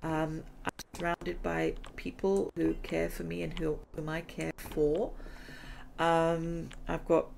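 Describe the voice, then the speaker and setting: A middle-aged woman with a low, monotone, creaky, darkish voice speaks slowly in a low-quality recording with slight background noise. Hosting a gaming channel, she chats rambly over gameplay and laughs often as she loses her voice.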